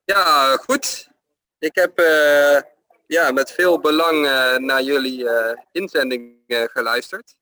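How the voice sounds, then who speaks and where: A man's voice: mid-range voice, fairly even intonation, takes it slowly, pushed and bright, dry recording. A man giving pronunciation feedback in casual chat, hesitant and full of fillers. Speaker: pronunciation coach.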